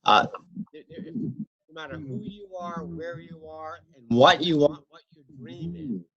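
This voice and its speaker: A man's voice: on the high side, animated, gravelly, a bit bright, highs cut off. Man on a glitchy, breaking-up call line. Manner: halting, with many pauses and fillers. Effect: glitchy call audio breaking up and dropping in and out. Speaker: guest speaker on a group video call. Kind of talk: impromptu testimonial on a conference call. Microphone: computer mic on a video call. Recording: choppy internet call audio with jumping volume.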